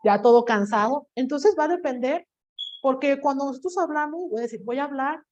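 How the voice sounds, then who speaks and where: Brief: young woman teacher, lecturing a class, bright higher voice, dull lo-fi sound. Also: brisk, a little hiss or hum. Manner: lively, acts out quoted voices and asks the class questions. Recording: dull lo-fi recording.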